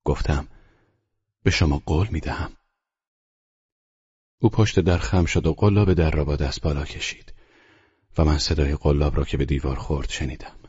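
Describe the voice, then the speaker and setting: A man with a husky voice reading a novel aloud in calm, measured scripted narration. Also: extremely low pitch. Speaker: audiobook narrator. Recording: dull lo-fi audiobook recording.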